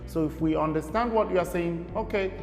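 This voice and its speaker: Brisk and high-pitched with vocal fry, a young Nigerian man talks casually as an interview guest, rambling and using lots of fillers. Faint music sits behind him, and the room is echoey with long reverb.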